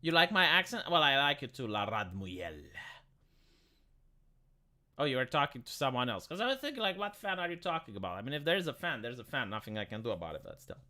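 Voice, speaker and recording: Tinny, animated man. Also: fairly high pitch, very fast, few pauses. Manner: argumentative, blunt, swearing. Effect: tinny, metallic sound. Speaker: live streamer. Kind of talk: casual opinionated chat, answering comments.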